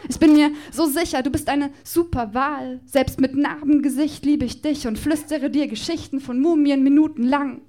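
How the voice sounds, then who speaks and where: A woman's voice: sits high, fairly even intonation, normal speed, hardly any pauses, dark tone. A woman performing her own comic spoken-word love poem live, with a playful, rhythmic, mock-passionate delivery. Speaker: poetry slam performer.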